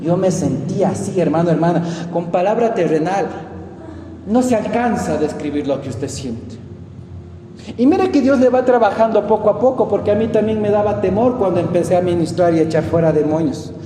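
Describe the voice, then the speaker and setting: A high-pitched, mellow-toned man with an Ecuadorian accent preaches an emphatic sermon, moving from loud outbursts to quiet asides. His voice rings through a church hall with a long reverb. A faint noise sits underneath. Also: lively intonation, moderate pace. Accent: Ecuadorian Spanish.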